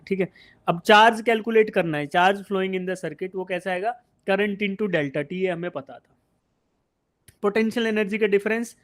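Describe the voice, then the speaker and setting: In a live online exam-prep class, a male Indian physics teacher speaks in a fairly high voice. Moving through the idea stage by stage, he quizzes the students, supplies the answers himself, and keeps addressing them as "beta." The technical parts come out.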